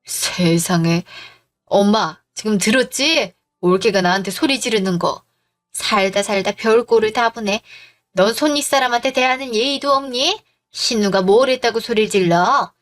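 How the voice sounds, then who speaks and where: A woman's voice: on the high side, moderate pace, close to an everyday voice. A woman voicing a bossy older mother-in-law who scolds and takes offense. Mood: indignant. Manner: scolding, indignant.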